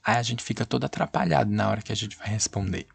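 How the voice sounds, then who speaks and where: A man's voice: lowish voice, fast talker, creaky, breathy edge, dry recording. A man with a Brazilian Portuguese accent teaching an online class. He explains things over and over and keeps checking that his students understand.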